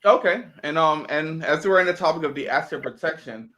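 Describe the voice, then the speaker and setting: A man's voice: a little high, expressive, brisk, bright, forceful tone, a little hiss or hum. A man hosting a casual interview show, easygoing and filling his questions with "um". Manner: easygoing, many "um" fillers. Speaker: host.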